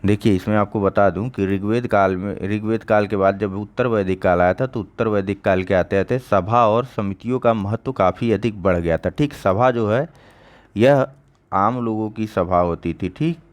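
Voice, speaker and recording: Low-voiced man teaching an exam lesson. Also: moderate pace. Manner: conversational, repeats key answers, checks understanding with "ठीक". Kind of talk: online exam-prep lecture.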